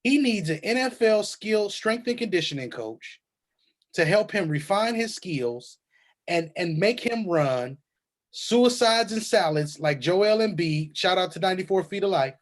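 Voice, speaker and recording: A man's voice: sits high, lively intonation, unhurried. A man on a sports talk panel, confidently breaking down draft picks.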